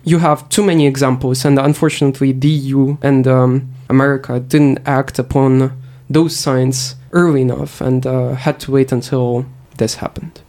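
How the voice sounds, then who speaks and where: A man, a podcast guest, making his points in a firm, measured way. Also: mid-range voice, level tone, darkish tone. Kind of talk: discussion.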